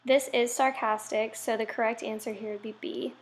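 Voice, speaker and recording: A young woman teacher clearly and methodically explaining a grammar lesson, reading out quiz items and going through the answers. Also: on the high side, steady tone, normal speed.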